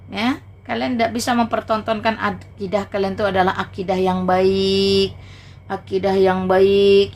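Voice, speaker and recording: A woman's voice: medium pitch, slight background noise. A woman hosting a livestream who preaches combatively, mocks and taunts her viewers, and repeats phrases to hammer her point home. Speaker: livestream host.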